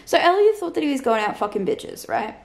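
A woman's voice: sits high, sing-song, brisk, darkish tone. A young Australian woman chatting frankly and casually about a book she is reading, swearing freely and saying "like" often. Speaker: book vlogger. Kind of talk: casual reading vlog chat. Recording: roomy echo.

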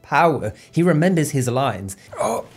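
A man's voice: fairly high pitch, unhurried, music in the background. Sarcastic man mocking a film. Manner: sarcastic, mocking, lively delivery. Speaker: commentator reacting to a film. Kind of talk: comedic reaction commentary.

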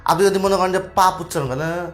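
A man's voice: sits high, fast, faint music behind. A young man with a Bangladeshi Bengali accent, teaching an exam-prep lesson in a casual way. He explains step by step and keeps asking rhetorical questions.

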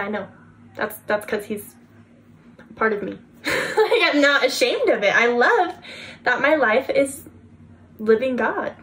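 A woman giving an earnest, chatty faith talk to her viewers, repeating phrases for emphasis and filling with "like". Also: a little high. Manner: earnest, chatty, frequent "like" fillers; emphatic repetition. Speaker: faith vlogger.

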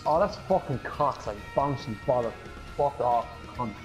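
A man's voice: mid-range voice, moderate pace, faint music behind. A man in casual banter over a video game, joking and swearing.

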